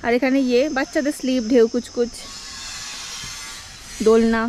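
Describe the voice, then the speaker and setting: A woman's voice: a little high, steady tone, moderate pace, darkish tone. A woman with a Bengali accent chatting casually as a travel vlog co-host. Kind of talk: casual chat. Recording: clear background noise.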